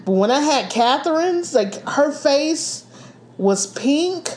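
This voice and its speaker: A woman chatting casually, in a chatty, expressive way with quick asides. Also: sits high, a little hiss or hum. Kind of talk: casual chat.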